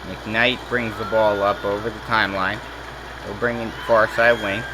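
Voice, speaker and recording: A man calling simulated basketball play-by-play, rattling off each possession and jumping up in pitch and volume when a shot drops. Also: little pitch movement, noisy background. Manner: rapid play calling that rises sharply on made shots. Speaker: play-by-play announcer.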